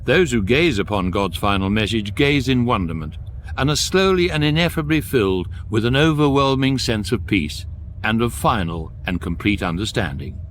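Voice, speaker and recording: Talking guidebook, scripted comic narration, measured, lofty, dry, varied intonation, faint background noise. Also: male voice, on the low side, animated, a bit bright. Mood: lofty, wry. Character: male talking electronic guidebook, wry, grand and unflappable.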